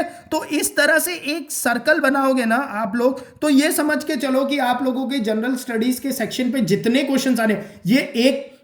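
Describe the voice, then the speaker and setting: A man giving a casual exam-prep lesson, repeating his points and checking in with "okay?" and "clear?". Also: very high-pitched, roomy sound. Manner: repeats points, addresses viewers as guys and friends.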